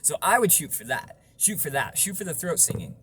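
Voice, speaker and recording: A man's voice: fairly high pitch, sing-song, a little fast, heavy background noise. A man giving an informal, explanatory tutorial on vocal technique, stressing points through repetition.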